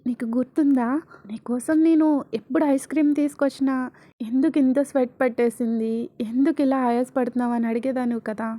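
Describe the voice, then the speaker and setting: Storybook role: gentle small boy, soothing, woman narrator puts him on; higher pitch, warm tone. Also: fairly even intonation, a little fast, close to an everyday voice. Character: little boy, gentle and caring.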